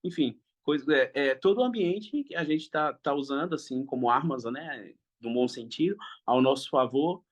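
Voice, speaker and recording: A man's voice: medium pitch, expressive, moderate pace, few pauses, highs cut off. A young man, a father, speaking in a casual interview in a hesitant, thoughtful way with frequent restarts.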